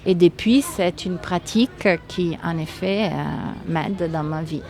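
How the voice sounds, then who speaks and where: A mellow, slightly low voice belongs to an Italian woman being interviewed as a guest. With her Italian accent, she answers carefully and haltingly, filling gaps with pauses and fillers.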